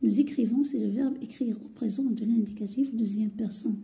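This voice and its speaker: A woman teaching a French grammar lesson, talking slowly and deliberately, spelling out letters, repeating words and often dropping to a half whisper. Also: fairly high pitch, creaky, mellow. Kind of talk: slow lesson explanation.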